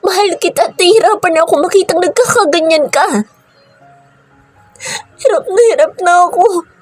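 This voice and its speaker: A woman's voice: extremely high pitch, a little fast, faint music behind, pitched above the performer's own voice. A woman voicing a tearful, pregnant young woman who pleads between sobs. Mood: tearful pleading. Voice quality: tearful, sobbing.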